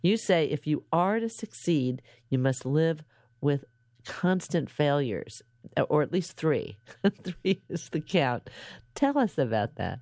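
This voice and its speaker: Low-voiced woman radio host. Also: big pitch swings, slow pace, dark tone, no echo, clean studio sound. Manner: conversational, laughs easily. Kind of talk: radio interview.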